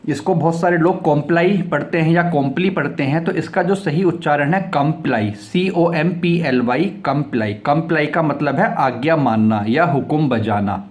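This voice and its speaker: In a vocabulary lesson, a man with a slightly raised pitch explains English words. He spells each word out letter by letter, says it several times, and reads example sentences slowly.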